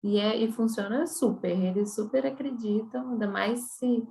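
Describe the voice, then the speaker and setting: Gravelly Brazilian woman therapist. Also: fairly high pitch, steady tone, normal speed, mellow. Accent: Brazilian Portuguese. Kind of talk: conversational chat.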